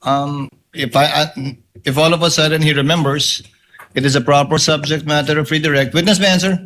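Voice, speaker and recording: A man with a Filipino accent giving formal rulings as presiding officer, halting and hesitant as he speaks. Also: a little high, steady tone, fairly bright tone, slight background noise, rough recording.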